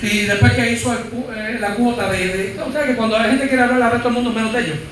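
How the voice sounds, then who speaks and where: High-voiced, bright preaching pastor. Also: male voice, steady tone, fast, roomy sound, a little hiss or hum, low-quality recording. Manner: fervent, rises to shouting, mimics congregants. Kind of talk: sermon. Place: church.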